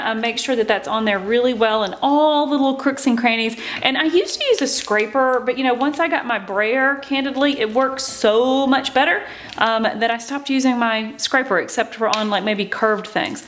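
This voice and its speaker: A woman's voice: a little high, fairly bright tone. Chatty woman hosting a craft tutorial. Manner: chatty, lots of "um" and "okay, so". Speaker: craft channel host. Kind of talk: casual tutorial narration.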